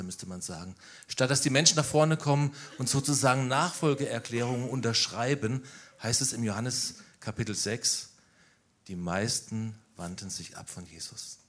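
A man preaching a sermon, telling the story with animated emphasis and rhetorical questions. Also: mid-range voice.

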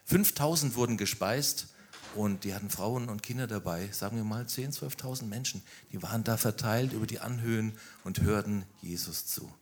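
A man preaching a sermon, telling the story with animated emphasis and rhetorical questions. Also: fairly low pitch, moderate pace, a little hiss or hum.

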